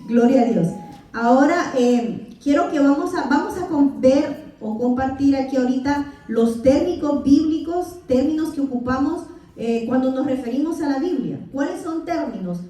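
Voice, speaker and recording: A woman's voice: high voice, expressive, normal speed, dark tone. A Salvadoran woman teaching a church Bible class, quizzing her listeners and answering with amen. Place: church hall. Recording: echoey church hall from far off.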